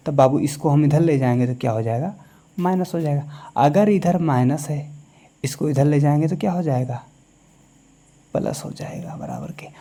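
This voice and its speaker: A man with a very dark, mellow voice teaches a maths lecture. He sits a little high in pitch for a man and keeps pausing to quiz his class with short check questions.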